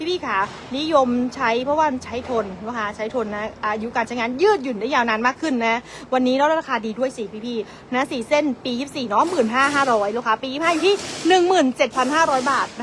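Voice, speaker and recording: Saleswoman, high-pitched and fast, chatty live-sale pitch, faint shop noise behind. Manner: fast, chatty sales patter, keeps calling out prices. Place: tire shop.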